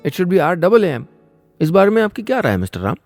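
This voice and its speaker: A man's voice: big pitch swings, brisk, a little mellow, faint music behind. A man voicing a pompous male job interviewer who lectures and mocks, slipping into English phrases. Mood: preachy. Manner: lecturing, mixes English phrases, swings pitch for effect.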